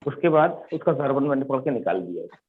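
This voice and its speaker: Over tinny, phone-like online class audio, a man teaches English by telling stories and quizzing his students, repeating the key words. His medium-pitched voice swings widely in pitch, and he speaks a little fast with a slightly rough quality.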